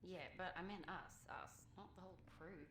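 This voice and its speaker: A woman's voice: on the low side, a little fast, natural voice. An actress playing a dry, skeptical woman crew member on a space station in natural video game dialogue. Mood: wry, flirty. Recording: echoey room with clear background noise.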